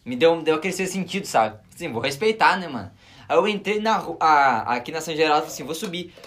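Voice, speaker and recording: A young man with a southern Brazilian accent from Rio Grande do Sul, a podcast co-host telling a story in slangy, animated casual chat. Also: on the high side, fast talker.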